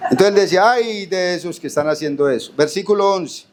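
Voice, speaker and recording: A man's voice: high voice, fairly quick, background noise. A man with a Colombian accent preaching a Bible study, reading verses aloud and putting questions to the congregation. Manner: asks the congregation questions and answers them; reads verses aloud, drawing out key words. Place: church hall.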